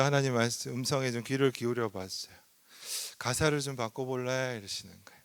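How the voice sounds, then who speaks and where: A middle-aged man preaching a seminar sermon as pastor, dropping to whispers and rising to loud, raised passages. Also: medium pitch. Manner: dramatic swings from whispers to loud raised passages, sings hymn lines.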